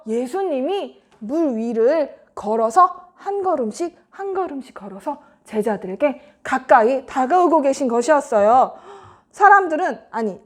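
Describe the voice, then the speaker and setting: High-voiced animated storytelling woman. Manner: animated, expressive, asks the children questions. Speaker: children's ministry teacher. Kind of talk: Bible storytelling for children.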